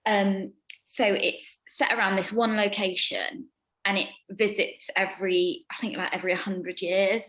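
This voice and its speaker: A young actress telling backstage stories in an interview, rambling with lots of ums and hesitations. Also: female voice, fairly even intonation, unhurried, a bit bright. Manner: rambling with many ums, acts out quoted lines in a high voice. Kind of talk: casual anecdote-telling.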